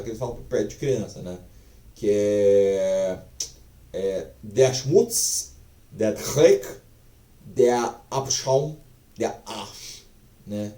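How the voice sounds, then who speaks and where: A man's voice: mid-range voice, slow pace, dark tone, recorded from a distance. Chatty, swearing man in an echoey room. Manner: chatty, profane, many fillers. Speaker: language teacher. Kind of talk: casual online language lesson.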